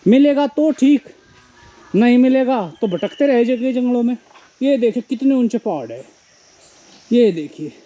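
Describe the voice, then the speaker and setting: Male travel vlogger, high-pitched, casual reflective narration while hiking outdoors, handheld camera mic. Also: warm tone, muffled recording. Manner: reflective, musing, philosophical asides; talks while hiking barefoot uphill. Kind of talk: casual walking vlog narration. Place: outdoors on a forested hillside.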